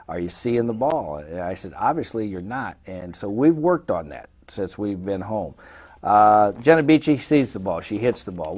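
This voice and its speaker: Low-voiced folksy softball coach. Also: male voice. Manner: folksy, trails off quietly at phrase ends. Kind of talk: interview answers.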